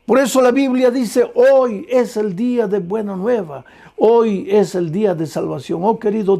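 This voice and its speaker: High-voiced preaching man, mellow tone. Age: older. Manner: earnest preaching with repeated phrases. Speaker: pastor. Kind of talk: sermon.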